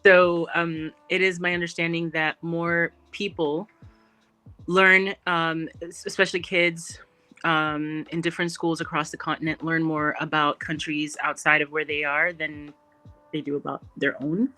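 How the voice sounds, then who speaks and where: A woman from Cameroon, a comic creator, answering interview questions in a thoughtful, measured way over a video call. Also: sits low, little pitch movement, pushed and bright.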